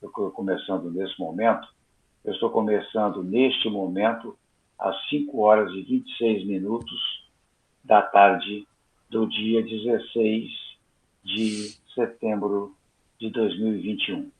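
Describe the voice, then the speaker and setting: A man hosting a conversational interview, speaking in a measured, deliberate way with pauses. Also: on the low side, steady tone. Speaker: host. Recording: tinny phone-like line.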